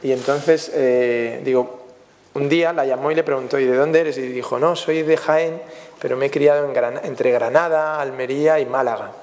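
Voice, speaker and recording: Speaking at normal speed in a steady, darkish mid-range voice, a film director from Spain takes questions at a festival press conference. His answers are reflective anecdotes full of tag questions, and the room has a long hall reverb.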